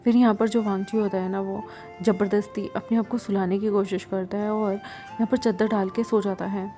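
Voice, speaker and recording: A woman storyteller narrating a fan story in a relaxed, chatty way, dropping in conversational asides. Her voice is mellow and soft-edged at an ordinary pitch. Faint instrumental music plays underneath. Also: normal speed.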